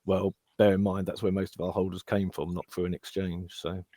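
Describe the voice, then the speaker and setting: British bloke, low monotone voice, dry close sound, chatty with British slang. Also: male voice, fairly quick, no room sound. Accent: British English. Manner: chatty, plain-spoken, uses British slang. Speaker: crypto project team member. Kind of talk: casual voice chat Q&A.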